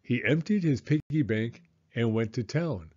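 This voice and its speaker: A man reads a children's storybook aloud, expressive and measured in his storytelling. His voice is mid-range, and the sound is lo-fi.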